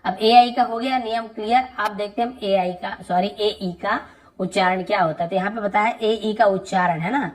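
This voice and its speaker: Patient woman teaching pronunciation. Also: medium pitch. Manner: patient, repeats example words slowly and often; asks learners check questions. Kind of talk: online tutorial lesson.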